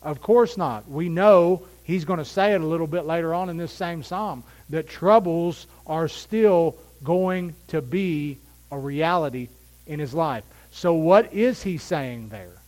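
A male pastor delivers a sermon in a somewhat high voice. He rises to loud, fervent peaks and then sinks into quiet, close asides. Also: rough recording. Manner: swings from loud impassioned preaching to quiet intimate asides.

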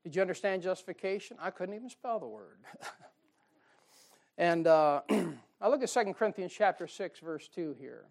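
A man preaching a sermon on soul-winning, shifting from loud emphasis to quiet asides and slowing down to read scripture. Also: high-pitched, lively intonation, vocal fry. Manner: reads scripture in slow, drawn-out emphasis.

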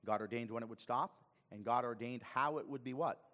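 Emphatic pastor preaching in a reverberant hall. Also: male voice, mid-range voice, fairly quick, a bit bright, highs cut off. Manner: emphatic, questioning the congregation. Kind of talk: sermon. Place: church sanctuary.

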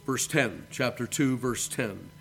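A man, a pastor, preaching a measured sermon and reading scripture aloud. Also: medium pitch, lively intonation, creaky, fairly bright tone, slightly rough. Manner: addresses listeners as beloved.

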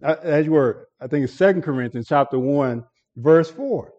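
A man's voice: on the high side, moderate pace, a little mellow, dull audio. A man preaching a sermon, often repeating words and restarting phrases as he builds emphasis.

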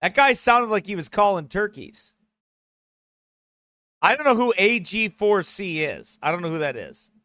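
A man preaching a sermon in a high, bright, sharp voice, mocking what he describes and reading passages aloud. The sound is close and dry. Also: measured pace, pauses often, no room sound. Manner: mocking, animated, reads quotes aloud. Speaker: pastor.

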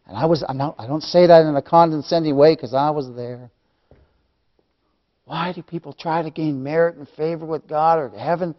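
A middle-aged man teaching a Sunday school sermon, swinging from loud proclamation to hushed whispers and repeating phrases for emphasis. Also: a little high, normal speed, pauses often, lo-fi sound.

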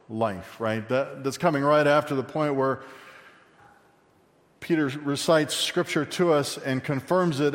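A man's voice: mid-range voice, in a large hall. A male pastor preaching a sermon, conversational, with asides and questions to the congregation.

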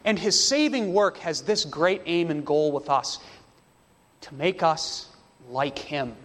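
A man preaching a sermon, slow and emphatic, with dramatic pauses between phrases. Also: fairly high pitch, expressive, a bit bright, long reverb tail.

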